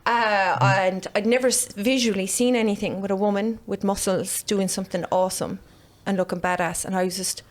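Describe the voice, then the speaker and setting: A woman's voice: mid-range voice, steady tone, fairly quick, hardly any pauses. A woman with a sing-song west of Ireland accent and a Cork lilt, chatting casually and bluntly on a podcast. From west Munster, Ireland. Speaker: podcast guest, gym trainer.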